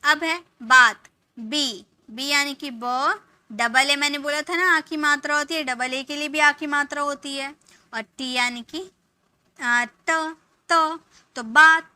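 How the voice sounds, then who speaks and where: A woman's voice: high voice, takes it slowly, sharp tone, dry recording. A woman teacher giving a patient spoken lesson, spelling out each letter and sound one at a time. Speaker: English teacher.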